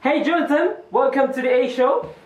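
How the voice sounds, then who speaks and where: A teenage boy with a New Zealand accent hosts an amateur school show in stiff, formal interviewer phrases. His voice sits notably high. He sounds set back from the mic in an echoey room. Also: normal speed, distant mic, background noise. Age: teens. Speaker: student host of a school boarding-house show.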